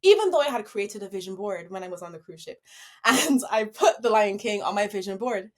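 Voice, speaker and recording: A woman's voice: mid-range voice, animated, fairly quick. Upbeat woman from Barbados telling stories. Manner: upbeat, laughs easily while telling stories. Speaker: guest, professional dancer. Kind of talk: conversational storytelling interview.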